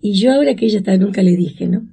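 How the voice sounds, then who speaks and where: An older woman from Chaco with an Argentine accent, grandmother of a granddaughter who was found, tells her story in an interview. Her voice is husky with vocal fry and she speaks fast, acting out the voices she quotes as her pitch climbs high and excited.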